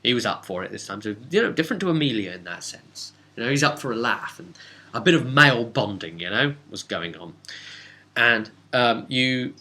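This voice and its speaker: Recapping a role-play session, a British game master and host chats away in a wry, rambling fashion and keeps cutting himself off. He speaks at a moderate pace in a mid-range voice that is pushed and bright, with lively intonation.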